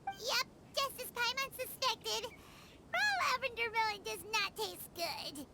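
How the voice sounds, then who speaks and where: A woman's voice: very high-pitched, expressive, a little slow, heavily acted. A woman voicing Paimon, a tiny, bubbly, food-loving companion girl in a video game who refers to herself in the third person. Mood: chirpy. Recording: game audio with loud music.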